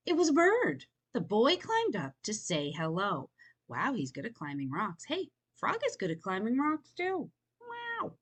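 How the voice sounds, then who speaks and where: A woman reads a picture book to young children at a leisurely pace, her pitch moving around a lot as she tells the story. She sounds inviting and wonders aloud along with her listeners, her fairly bright tone carrying a breathy edge.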